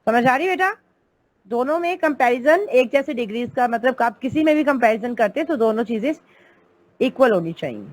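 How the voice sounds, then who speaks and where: A woman's voice: on the high side, lively intonation, normal speed. A woman teaching an online English grammar class, explaining patiently step by step and calling her students "beta".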